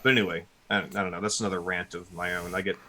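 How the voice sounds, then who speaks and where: A man's voice: sits low, level tone, racing, bright, forceful tone. A man co-hosting a casual tech podcast, ranting animatedly with a self-mocking streak. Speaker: podcast co-host.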